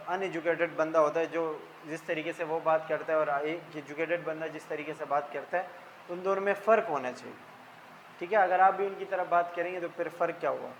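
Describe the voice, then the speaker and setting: A male tutor with a high-pitched voice talks through lecture slides. He explains each term in plain, simple words and keeps checking in with his listeners. There is a faint hiss of noise behind him. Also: steady tone, a little fast, poor audio. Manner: explains terms in simple words, repeats "ठीक है".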